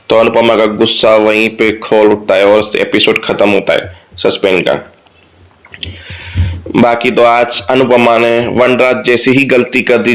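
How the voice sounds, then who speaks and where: A man's voice: mid-range voice, fairly bright tone. A man with an ordinary mid-range voice recaps a TV serial episode in a loose, conversational way. He strings the scenes together and drops the characters' lines into his own telling, without putting on voices for them. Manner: retells scenes quickly, quoting characters' lines in plain voice.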